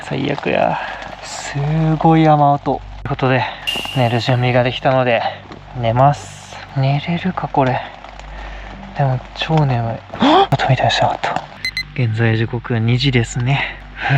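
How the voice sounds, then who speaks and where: A man vlogging a night ghost hunt on a mountain, muttering in a hushed, nervous way into a handheld camera, outdoors in the rain. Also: medium pitch, steady tone, normal speed. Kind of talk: ghost-hunting vlog commentary. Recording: noisy outdoor night recording.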